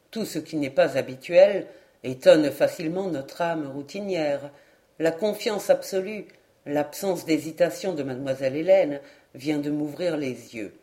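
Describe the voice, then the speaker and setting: A woman voicing a kindly middle-aged male doctor who speaks in a measured, reassuring, good-natured way in an audiobook. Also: sits low, darkish tone, voice pushed down.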